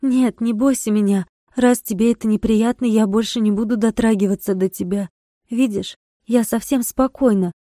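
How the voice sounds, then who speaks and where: A wild, passionate young village girl, as a woman reading the story puts her on, pitched up and louder than the narration, her plea urgent and stubborn. Her tone stays mellow and soft-edged, and the sound is close and dry. It is storybook reading with real feeling in it. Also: steady tone, normal speed, no room sound, natural voice. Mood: calm pleading. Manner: pleading, impassioned.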